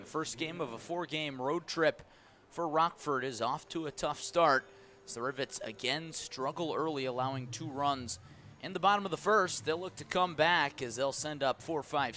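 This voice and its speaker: With a fairly high pitch and a sharp tone, an American announcer narrates a baseball game live for radio listeners. Ballpark ambience and background noise run underneath the live broadcast.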